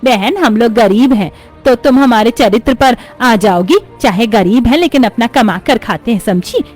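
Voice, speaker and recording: A woman's voice: on the high side, normal speed, a little mellow, soft background music, lightly acted. A woman voicing a poor but proud village woman in a cartoon story, answering back in a firm, indignant way.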